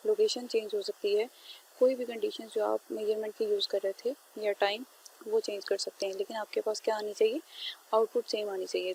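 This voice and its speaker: Woman lecturing, mellow voice, step by step. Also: medium pitch, slight background noise, poor audio. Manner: explains step by step with many fillers and "theek hai" checks. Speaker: teacher. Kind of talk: classroom lecture.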